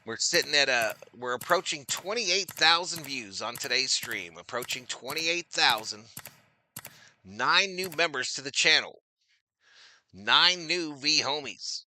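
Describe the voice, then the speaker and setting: Bright-voiced man calling a baseball stream. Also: medium pitch, expressive, unhurried, a little hiss or hum. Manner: chatty, reads out viewer names, loud on big plays. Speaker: streamer doing play-by-play. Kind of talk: casual live-stream baseball commentary.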